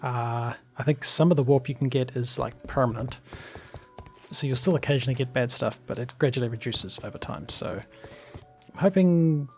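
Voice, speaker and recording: Hoarse guy with a gravelly voice chatting through his modded game, faint music behind. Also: medium pitch. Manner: chatty, thinks aloud with fillers and small laughs. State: slightly hoarse. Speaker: let's play gamer. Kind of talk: casual gameplay commentary.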